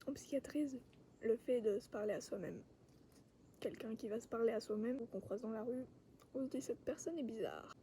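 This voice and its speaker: A woman vlogger giving a calm, reflective monologue outdoors among trees, sometimes dropping to a whisper. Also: fairly high pitch, normal speed, long pauses, slight background noise. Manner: calm, soft-spoken, sometimes drops to a whisper.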